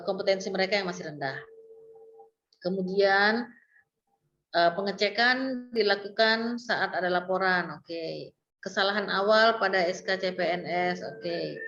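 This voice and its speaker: Woman, online trainer, mid-pitched, thinks aloud with fillers, dull call audio. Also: reverberant. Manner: explains step by step with many fillers and restarts. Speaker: training instructor. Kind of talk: online class instruction. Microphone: video call.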